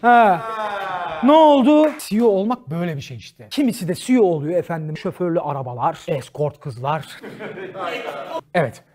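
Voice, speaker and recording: A man hosting a comedy show, joking and cursing freely in an animated monologue, often laughing as he talks. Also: fairly high pitch, brisk. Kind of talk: stand-up style monologue to a studio audience.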